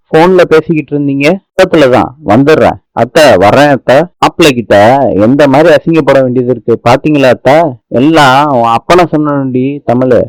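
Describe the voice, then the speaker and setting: A man's voice: medium pitch, dry recording, low-quality recording. Man reading serial dialogue, dry sound. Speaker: reader of serial scenes. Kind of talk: reading drama dialogue aloud. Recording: dry close recording.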